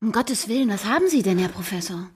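An actress playing a breezy, saucy cabaret singer, colloquial and coaxing, in old film style. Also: female voice, medium pitch, animated, fast talker, breathy edge. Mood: concerned. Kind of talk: early sound film acting.

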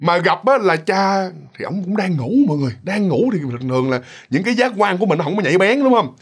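A man's voice: sits high, animated, fast, husky. Man; casual, rambling ghost-story narrator. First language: Vietnamese. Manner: chatty, many fillers and restarts.

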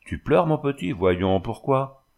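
A man voicing a kindly, gently firm village priest who coaxes and scolds like a father, in a storybook reading. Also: medium pitch, big pitch swings, measured pace, voice pushed up. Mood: coaxing. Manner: coaxing, paternal scolding.

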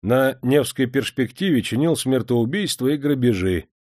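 A man voicing a grey-moustached old guard who answers gruffly. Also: medium pitch, animated, moderate pace, darkish tone, no room sound, studio quality, voice pushed up, close to an everyday voice. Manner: gruff, explanatory.

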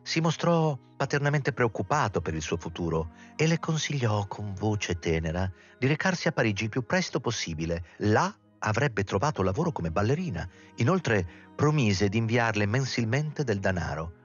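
A man reading a novel aloud in a measured, dramatic storytelling manner with a husky voice. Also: fairly low pitch, sing-song, highs cut off, soft background music. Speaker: reader. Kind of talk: literary audiobook reading.

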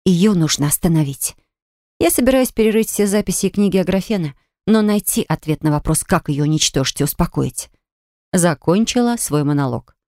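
A woman narrating a first-person fantasy audiobook with expressive storytelling. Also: on the low side, fairly quick, no echo, studio quality.

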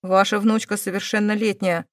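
A woman voicing a calm, stern male police investigator who presses with measured questions. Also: medium pitch, no room sound, studio quality, lightly acted.

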